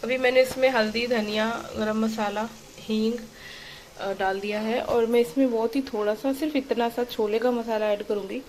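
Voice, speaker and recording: A woman's voice: a little high, steady tone, moderate pace, a little mellow, slight background noise. A woman and mother vlogging at home, chatting to the camera as she explains her laundry and cooking step by step. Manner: chatty, explains each household task step by step. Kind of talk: casual chat to camera.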